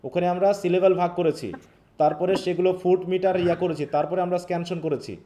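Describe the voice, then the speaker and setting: Bangladeshi male tutor, quick patient explanations, rather high, mellow voice. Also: fairly even intonation. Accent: Bangladeshi Bengali. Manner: explains patiently, asks checking questions. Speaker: English teacher. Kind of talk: online live revision class.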